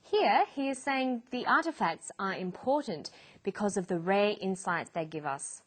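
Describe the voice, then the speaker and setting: A woman narrating an English lesson in a clear, deliberate teaching voice. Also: mid-range voice, animated. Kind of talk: scripted educational narration.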